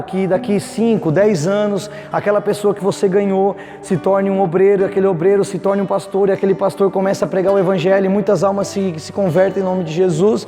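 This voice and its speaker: A man from Brazil preaching to cell group leaders, fervent and full of restarts, acting out the objections of his listeners. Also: sits high. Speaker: pastor. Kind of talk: teaching sermon to cell leaders. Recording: echoey room with long reverb, soft guitar behind.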